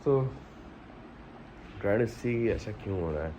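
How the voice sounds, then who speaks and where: A man's voice: sits low, takes it slowly, dark tone, a little hiss or hum, rough recording. A man talking casually to the camera in a daily vlog, thinking aloud and switching between Hindi and English. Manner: mixes Hindi and English, reflective and chatty. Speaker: vlogger.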